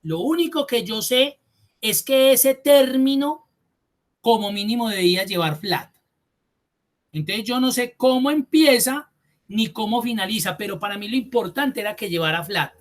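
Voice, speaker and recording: A man's voice: high voice, animated, moderate pace. A man teaching an online spreadsheet class. He explains step by step, repeats key points and thinks aloud. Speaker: spreadsheet course instructor.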